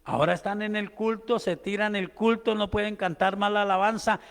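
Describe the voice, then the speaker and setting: High gravelly pastor preaching. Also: male voice, fairly even intonation, fairly quick, big-room sound. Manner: impassioned preaching that swings from hushed storytelling to shouting. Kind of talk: sermon. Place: church sanctuary.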